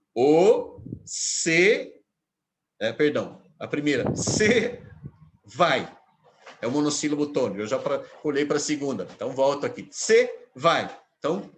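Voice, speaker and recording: A man teaching literature, lecturing on poetry and slowing down to stress quoted phrases. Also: a little high, background noise.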